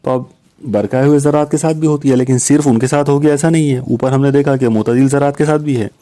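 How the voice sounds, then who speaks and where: Very dark-voiced male physics teacher. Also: mid-range voice, fairly even intonation, fast talker. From India. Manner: patient, explanatory, often checks in with listeners. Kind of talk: recorded lecture solving exam questions.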